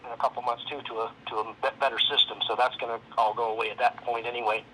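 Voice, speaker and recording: A legal defense program representative talks over the phone, explaining matters in a conversational way while faint noise hums behind him. He has a mid-range, sharp-toned voice that stays level and moves very fast.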